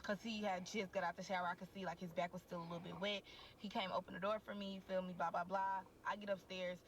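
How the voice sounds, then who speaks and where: A young woman on a podcast, telling a candid story in a crude, slangy, animated way and talking straight to the listeners. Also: on the low side, quick pace, a little hiss or hum. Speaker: podcast co-host. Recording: voice a bit distant from the mic.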